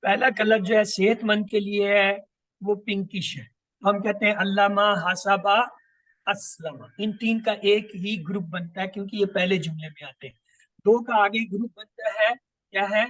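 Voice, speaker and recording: High-voiced male teacher, dry sound. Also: steady tone, fairly bright tone, dry recording. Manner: explains patiently, repeating word lists. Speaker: Quran grammar teacher. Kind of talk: online class lesson.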